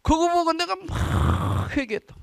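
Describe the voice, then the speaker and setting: A male pastor preaches an evening sermon in a high, very lively voice, swinging widely in pitch as he tells the story with drama. The recording is close and dry. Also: unhurried, vocal fry, no echo. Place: church service.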